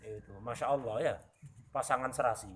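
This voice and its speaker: A man's voice: medium pitch, brisk, slight background noise. A man teaching an Islamic law lesson. He reads Arabic text aloud, explains it in casual speech with asides, and often checks that his students follow. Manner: explains and asks the class "Paham ya?". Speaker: religious teacher. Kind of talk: kitab study lesson.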